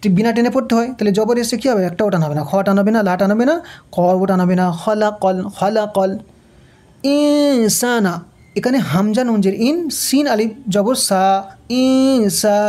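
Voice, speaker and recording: A woman teaching Quran recitation step by step, speaking Bengali with a Bangladeshi accent, repeating syllables slowly and asking then answering her own questions. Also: medium pitch, dark tone.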